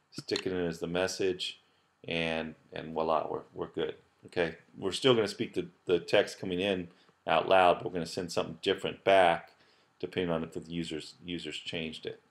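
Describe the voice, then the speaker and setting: A man with a very deep voice walks through a coding screencast at his desk. He talks casually and loosely, with lots of "okay" and "you know", and often starts sentences over. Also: flat delivery, moderate pace, creaky. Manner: casual, many fillers and restarts. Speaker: professor teaching app building. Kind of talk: screencast tutorial.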